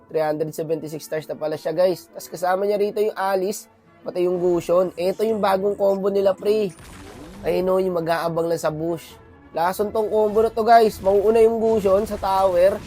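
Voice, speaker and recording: Hoarse guy with a high voice, casual gameplay commentary, talks to viewers a lot. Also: fairly even intonation, moderate pace, dark tone, soft background music. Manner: chatty, slangy, addresses viewers often. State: hoarse from a cold. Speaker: gaming commentator.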